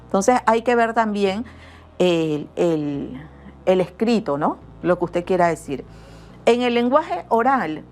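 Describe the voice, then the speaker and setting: Woman, middle-aged, school teacher, remote lesson, acts out examples, faint background music. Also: mid-range voice. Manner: explanatory, acts out example phrases with changing tone.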